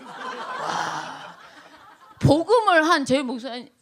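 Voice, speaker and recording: A middle-aged pastor's wife gives a lively testimony, her somewhat high voice rising and falling with a lot of animation. She acts out the people in her stories and laughs often as she talks. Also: moderate pace. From South Korea. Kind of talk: testimony talk at a training event.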